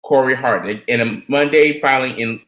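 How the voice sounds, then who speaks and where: A man's voice: medium pitch, moderate pace, fairly bright tone, roomy sound, low-quality recording. A man co-hosting a podcast, reading a news story aloud with stumbles and corrections. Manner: reads with stumbles and self-corrections. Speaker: podcast co-host presenting topics.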